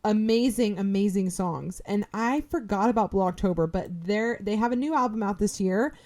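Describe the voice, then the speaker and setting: A young adult woman co-hosting a podcast in casual chat, animated and exclaiming, humming tunes. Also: mid-range voice, normal speed. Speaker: podcast co-host.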